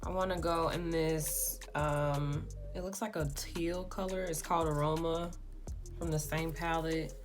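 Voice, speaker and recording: A woman talking casually through a makeup tutorial, rambling with lots of fillers in a fairly monotone way. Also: deep voice, unhurried. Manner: rambling, filler-heavy, self-described monotone. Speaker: beauty vlogger. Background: background music.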